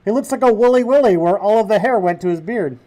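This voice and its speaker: A young man with a high, mellow voice riffs irreverently over a news clip. He jokes and swears casually, talking like a reaction-video host. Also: fast. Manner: irreverent, joking, swears freely.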